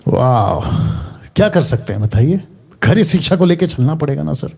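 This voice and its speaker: A man's voice: fairly high pitch, big pitch swings, moderate pace, gravelly, a little mellow, slightly rough. A middle-aged man, preaching an online sermon with emphatic repeated lines and rhetorical questions. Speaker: pastor.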